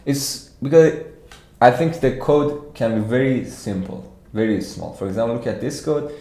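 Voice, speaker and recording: An Iranian man with a Persian accent gives an informal livestreamed programming walkthrough, thinking aloud in a halting way. His mid-range voice is animated and dark in tone, and the room sounds echoey.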